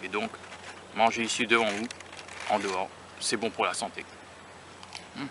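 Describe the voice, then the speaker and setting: A man's voice: on the low side, steady tone, moderate pace. A man from the United States talking casually on a vlog while eating outdoors by a beach, musing and self-conscious, often restarting his sentences. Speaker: food-tasting vlogger. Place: outdoors by a beach near rail tracks. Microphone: handheld camera or phone filming himself. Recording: outdoor traffic and vehicle noise.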